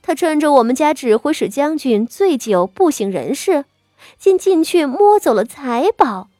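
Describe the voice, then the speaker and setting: A woman's voice: sits high, very animated, measured pace, warm tone, no echo, clean studio sound, pitched above the performer's own voice. A woman voicing a scheming concubine who mocks and sighs sarcastically. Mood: sneering. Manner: mocking, sighing, sarcastic. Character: sneering scheming concubine, middle-aged woman.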